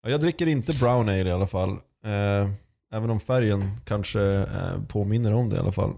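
A man's voice: lowish voice, vocal fry, dark tone. A man chatting casually as a podcast co-host, blunt and enthusiastic. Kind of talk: casual chat.

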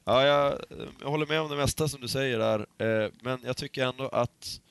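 A man's voice: medium pitch, vocal fry, a bit bright, clear, resonant tone, no echo. A man co-hosting a casual podcast chat, talking hesitantly with many fillers and restarts. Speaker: podcast co-host.

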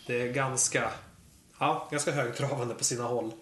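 A man's voice: mid-range voice, steady tone, fairly bright tone. A man co-hosting a casual podcast chat, thinking aloud in short fragments. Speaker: podcast co-host. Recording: roomy echo.

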